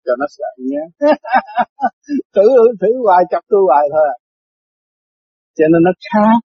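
An older man gives a chatty, story-filled dharma talk, laughing often. His voice sits fairly high and a little husky. The recording is dull and lo-fi, dry and close. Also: big pitch swings, normal speed, no room sound. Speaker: spiritual teacher.

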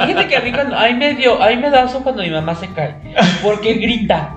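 High-voiced chatty man. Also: fast, a bit bright, roomy sound, faint music behind. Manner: chatty, with many fillers and restarts. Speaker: podcast co-host. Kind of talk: casual chat.

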